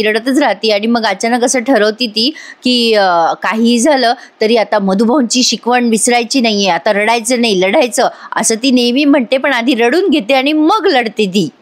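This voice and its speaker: A woman giving a chatty voice-over recap of a TV serial, teasing the characters and talking straight to viewers. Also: fairly high pitch. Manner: chatty, teasing, laughs often, talks to viewers. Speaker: serial reviewer.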